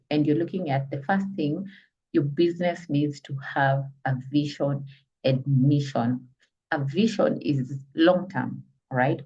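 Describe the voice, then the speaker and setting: Heard through muffled, distant video-call audio, a Kenyan-accented business trainer delivers an online lecture in a dark, husky, medium-pitched voice. His explanations proceed step by step, and he repeatedly asks listeners whether they follow.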